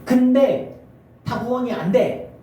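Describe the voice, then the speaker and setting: A middle-aged male pastor preaching a sermon, animated and acting out family scenes in character voices. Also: very high-pitched, slow pace, slight background noise. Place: church sanctuary. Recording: echoey church from far off.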